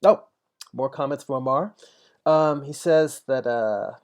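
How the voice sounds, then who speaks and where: Forties guy, bit of gravel in the voice, easygoing livestream chatter while painting. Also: medium pitch, measured pace. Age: 40s. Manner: thinks aloud, chatty, answers viewer comments. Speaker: digital painter streaming his work.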